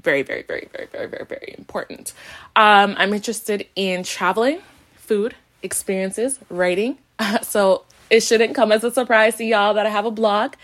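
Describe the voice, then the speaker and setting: A Canadian woman in her late twenties co-hosts a podcast, introducing herself casually in a playful, sassy style packed with slangy asides and repeats. Her voice is medium-pitched and a bit bright.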